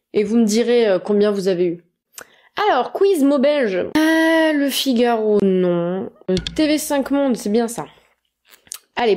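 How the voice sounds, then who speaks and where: Une jeune femme, youtubeuse, qui parle sur un ton décontracté et se moque d'elle-même en lisant des questions de quiz à voix haute. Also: female voice, mid-range voice, warm tone. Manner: chatty, self-mocking, reads quiz questions aloud. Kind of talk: casual chat.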